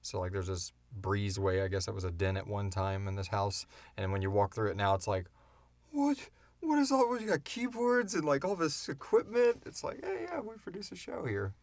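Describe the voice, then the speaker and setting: Speaking from his home studio, this same middle-aged podcaster and audio drama maker rambles informally through a relaxed Q&A, poking fun at himself. His voice sits on the low side and swings widely in pitch at a normal pace, with no echo.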